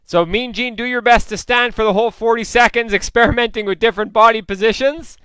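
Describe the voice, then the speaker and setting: A male coach leads a live indoor cycling class, upbeat and instructive as he encourages riders by name. His voice sits high and sounds bright and crisp. The recording is dry and close, with no room sound. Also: fast talker, no room sound, low-quality recording.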